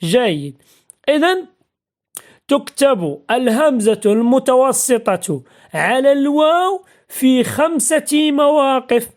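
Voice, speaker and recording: A woman teaching a spelling lesson, patiently asking and answering her own questions and drilling example words slowly. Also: high voice, big pitch swings, a little mellow. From Morocco.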